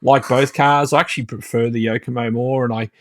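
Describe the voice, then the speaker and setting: A man's voice: medium pitch, fairly even intonation, fairly quick, dry recording. A man hosting a hobby channel, talking casually through a build with many fillers, self-corrections and asides.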